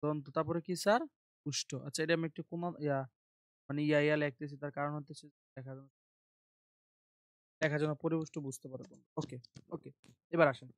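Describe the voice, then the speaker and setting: A man's voice: fairly high pitch, little pitch movement, a little fast, long pauses, dry recording. A man tutoring an online grammar class. He quizzes listeners, answers his own questions, and drills terms and letters one by one. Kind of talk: online admission-prep class.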